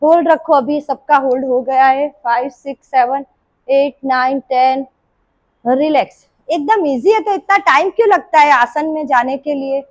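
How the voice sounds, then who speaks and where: A woman's voice: high-pitched, a little slow, a little mellow, no room sound, rough recording. A woman yoga teacher with a sore throat, counting reps and scolding her class into holding their poses. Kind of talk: live group class instruction. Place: indoor yoga class room.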